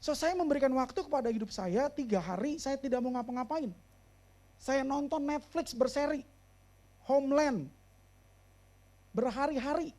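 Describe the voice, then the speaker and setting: A man preaching a sermon and speaking as a therapist. He mixes English phrases into his speech, slows down and raises his voice to stress a point, and drops low and quiet for serious moments. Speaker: pastor and therapist.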